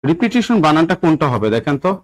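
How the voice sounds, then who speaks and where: A fairly high-pitched young man with a Bangladeshi accent leads a live online spelling class. He repeats instructions over and over, coaxing students to write answers and checking that they understand. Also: sing-song, quick pace, low-quality recording. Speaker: English teacher for job exams.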